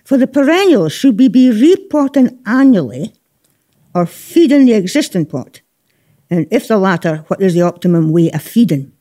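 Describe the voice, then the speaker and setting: A woman hosting radio in a broad Scottish accent. Her voice is mellow and rounded. She chats and banters easily, dropping in Scots words as she presents. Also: mid-range voice, sing-song, moderate pace. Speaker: radio host. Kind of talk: chatty gardening programme presenting.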